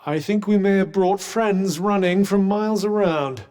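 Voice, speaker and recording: A British-accented man voices a haughty, erudite magical cuff in a fantasy video game, delivering scripted companion dialogue with polished diction and dry sarcasm. His mood is wry and composed, and his voice is high-pitched, unhurried and a little mellow.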